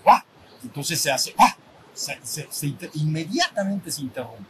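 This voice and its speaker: A man gives a loose, conversational retreat lesson in a slightly raised voice. He keeps circling back and restarting phrases, asking the group whether they follow. A constant low rumble and hiss run under the recording. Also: normal speed, rough recording. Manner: conversational, full of restarts, checks in with listeners, acts out sounds. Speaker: spiritual retreat teacher. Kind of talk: informal retreat lecture. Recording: steady background rumble and noise.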